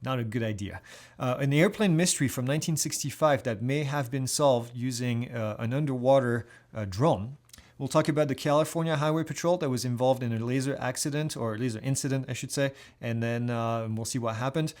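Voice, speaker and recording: A man's voice: mid-range voice, fairly quick, a little mellow. A man hosting a weekly aviation news update, talking in a casual, conversational way with many fillers and restarts.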